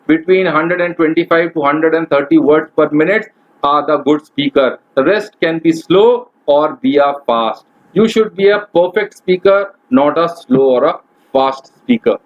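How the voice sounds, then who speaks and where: A man's voice: a little high, dull audio. A man, a corporate trainer giving direct, instructive advice in a webinar lecture. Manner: instructive and direct, addressing the audience as guys.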